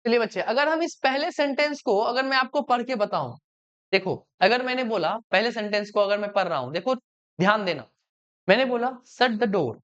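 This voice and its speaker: A man's voice: very high voice, lively intonation, moderate pace, a bit bright, lo-fi sound. A male teacher giving an online grammar lesson, often asking his students questions to check they follow. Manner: keeps asking the class questions and checking understanding.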